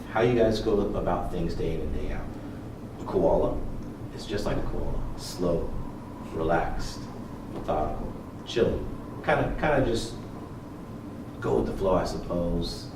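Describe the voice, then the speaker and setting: Deep male voice, casual joking podcast co-host, echoey distant recording, noisy background. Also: lively intonation, moderate pace. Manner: informal, profane, joking. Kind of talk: casual explanatory podcast talk. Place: library room. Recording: roomy, distant mic with clear noise.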